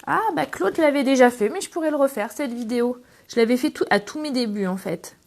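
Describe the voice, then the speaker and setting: This middle-aged Frenchwoman speaks fairly quickly in a high, slightly mellow voice with lively intonation. Hosting her casual scrapbooking channel, she demonstrates crafts and chats affectionately with viewers throughout.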